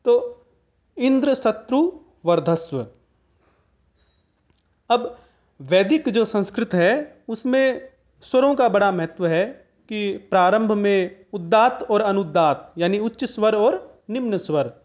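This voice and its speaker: A man teaching Hindi grammar to students in a video lesson, explaining slowly and chanting Sanskrit examples. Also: sits high, lo-fi sound. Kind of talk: online Hindi grammar lecture.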